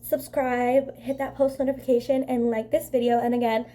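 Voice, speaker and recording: A woman's voice: fairly high pitch, little pitch movement, normal speed, dark tone. A young woman with a stuffy, congested voice chatting casually through a makeup vlog, rambling with constant fillers. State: congested from a cold. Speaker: beauty vlogger.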